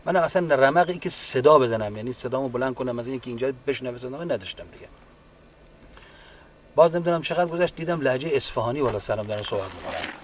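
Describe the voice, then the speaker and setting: A man's voice: mid-range voice, expressive. Veteran guy telling his war story, stops and restarts a lot, mic far off, faint room noise. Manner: halting, unhurried retelling with restarts. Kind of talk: personal war testimony. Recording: distant mic with faint background ambience.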